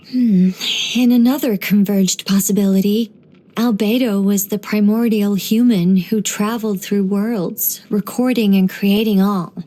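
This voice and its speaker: A woman voicing Nicole, a soft musing angel. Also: mid-range voice, natural voice. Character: gentle wise young angelic woman. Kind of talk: game character voice lines.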